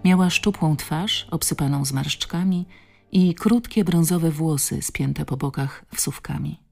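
Brief: woman audiobook narrator, deep register, a touch of vocal fry, faint music underneath. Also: a little mellow. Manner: measured storytelling delivery.

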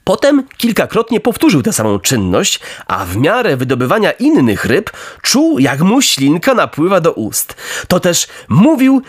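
A man narrating a children's storybook in an expressive, vivid way. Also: high voice, measured pace, slightly rough, dry recording, studio quality.

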